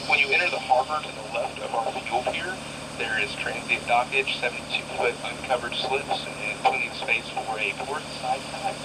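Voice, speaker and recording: A man on the marina staff speaks over a marine radio, his voice thin and far off through the speaker. He gives brisk, businesslike docking directions at an even middle pitch. Loud engine noise runs underneath. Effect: marine VHF radio.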